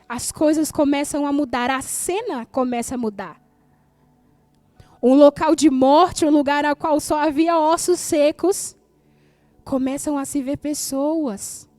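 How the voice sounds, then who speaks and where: A woman's voice: high-pitched, warm tone, no echo. A woman pastor with a Brazilian Portuguese accent preaching a sermon emphatically, repeating key phrases for effect.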